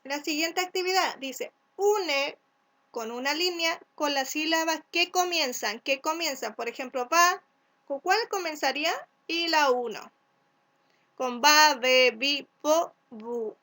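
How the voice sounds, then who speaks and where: A woman from Chile teaching a first-grade class, speaking slowly and clearly, sounding out letters and syllables and often checking with "¿cierto?". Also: high voice, pushed and bright. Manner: asks "¿cierto?" to check along. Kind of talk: recorded remote class instructions.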